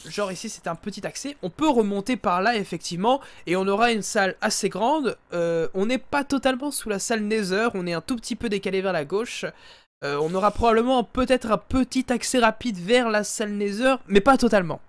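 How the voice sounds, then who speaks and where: A man's voice: sits high, fairly quick. Chatty man streaming a game live. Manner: chatty, keeps addressing viewers as ladies and gentlemen. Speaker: let's play streamer. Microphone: headset.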